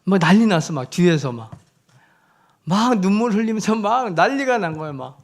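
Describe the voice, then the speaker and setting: A fairly high-voiced male missionary preaches in a church, telling his story with lively swings of loudness. He piles on fillers as he speaks, and his tone stays conversational. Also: moderate pace. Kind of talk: storytelling sermon.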